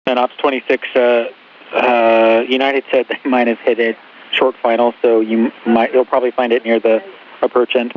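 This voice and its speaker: A man's voice: medium pitch, flat delivery, normal speed. A man working as an airport tower controller, giving air traffic instructions over the radio. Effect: radio transmission. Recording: muffled radio with faint hiss.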